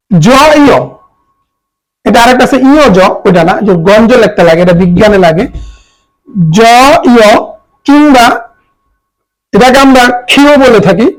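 A teacher giving a patient exam-prep grammar lesson. The voice sits at a middle pitch, and each example word is repeated slowly. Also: rough recording.

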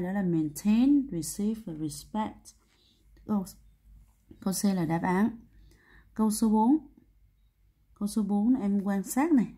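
A woman's voice: medium pitch, dark tone, slightly rough. A woman English teacher walking students through exam answers step by step, often checking their understanding with tag questions. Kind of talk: exam answer walkthrough lesson.

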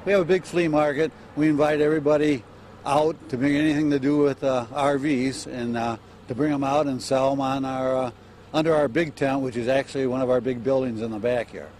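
Older guy, mid pitch, talking slow and halting with lots of uh's into a reporter's mic, faint noise. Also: steady tone, darkish tone. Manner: plain, halting talk with many "uh" fillers. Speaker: business owner interviewed. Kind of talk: live TV interview. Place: outdoors on an RV lot, then inside an RV. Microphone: reporter's handheld mic.

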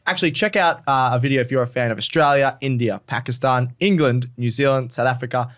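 A man hosting a casual sports podcast, talking quickly and excitably and laughing often. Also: medium pitch. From Scotland. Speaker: podcast host.

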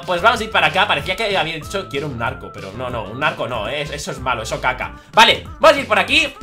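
A young man from narrates his gaming match, his voice jumping all over the place and bursting into shouts. The tone is bright and a little sharp, with self-mocking jokes thrown in. Soft music plays under him. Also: fairly high pitch. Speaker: gaming YouTuber. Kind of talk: live gameplay commentary.

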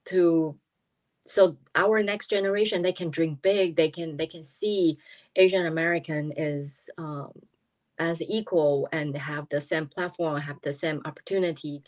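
A woman in her fifties with a Taiwanese accent and a low, deep voice speaks over a video call from a small room at home. She talks earnestly but haltingly, pausing often on fillers as she searches for words. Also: steady tone. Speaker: interviewee, politician.

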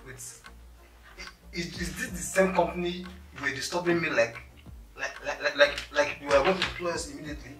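A man's voice: on the high side, fairly quick, over music, natural voice. A young man acting as an arrogant, rude and impatient job applicant in a skit. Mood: irritated. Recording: echoey room, mic far off, noisy.

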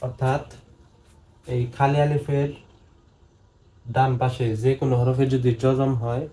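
Bangladeshi guy teaching quran letters, flat steady voice, repeats every sound. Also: mid-range voice, poor audio. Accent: Bangladeshi Bengali. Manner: slow, drilling syllables one by one in even repetition. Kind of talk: step-by-step recitation lesson.

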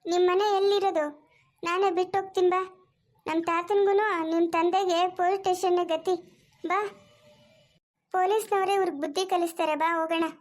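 A woman's voice: very high voice, little pitch movement, fairly quick, long pauses. A woman voicing a bold young heroine in a cartoon, commanding and indignant. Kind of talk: cartoon voice acting.

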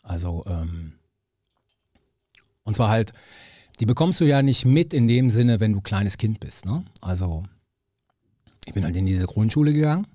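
A husky man in his fifties, from Cologne, talks as a studio guest and spins his anecdotes with energy. His tone sits dark and mellow, the sound is dry and close. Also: lowish voice, measured pace, long pauses, dry recording. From Cologne, Germany. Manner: animated storyteller who acts out quoted voices. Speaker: guest, political scientist. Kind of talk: casual storytelling interview.

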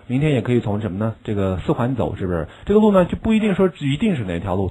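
Mellow-voiced male teacher drilling vocabulary. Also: medium pitch, rough recording. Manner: drills words by repeating them slowly several times; patient, explains with many rhetorical questions. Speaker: English teacher. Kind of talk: recorded video lesson.

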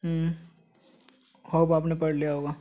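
Man, Indian English accent, newspaper read-through, unhurried, offhand asides. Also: on the high side, completely flat delivery, dark tone. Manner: reads English headlines slowly, then adds quick offhand Hindi asides. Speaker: host reading the newspaper for study.

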